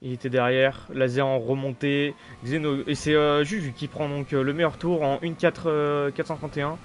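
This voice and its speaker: A man's voice: fairly high pitch, level tone, normal speed. Man commentating motor racing over noise. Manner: motorsport commentator calling overtakes as they happen. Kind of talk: live race commentary, casual. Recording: clear background noise, vehicle sounds.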